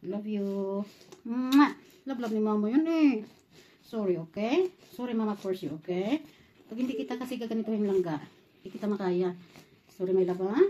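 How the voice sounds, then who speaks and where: A woman's voice: medium pitch, moderate pace, mellow. A young mother, soothing and pleading with her baby in a casual home vlog, near tears at times. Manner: soothing, pleading, tearful at times, praying under her breath. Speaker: mother of a premature baby, vlogger. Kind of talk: casual vlog talk while caring for a baby. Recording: noisy home phone recording.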